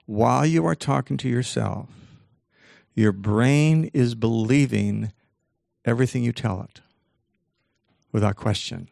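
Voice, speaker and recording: Animated older man with a gravelly voice. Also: no echo, clean studio sound. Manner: animated, acts out quoted voices with big jumps in pitch; slows down to stress key points. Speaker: speaker giving a talk on self-talk. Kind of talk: lively motivational talk.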